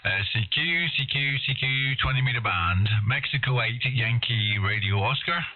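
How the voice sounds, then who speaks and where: A man working as an amateur radio operator, calling CQ and repeating his call sign in a measured, repetitive way. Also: mid-range voice. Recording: narrow tinny band with clear hiss.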